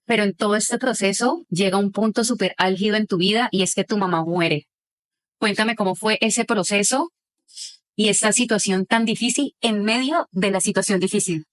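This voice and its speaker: A woman's voice: mid-range voice, moderate pace, dry recording. A woman hosting a podcast, asking questions and summing up her guest's story with empathy. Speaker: podcast host. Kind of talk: interviewing.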